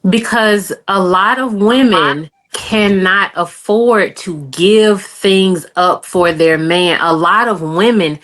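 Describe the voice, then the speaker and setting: A woman speaking assertively in an opinionated group discussion, stressing her points deliberately. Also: medium pitch, fairly bright tone. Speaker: panel speaker.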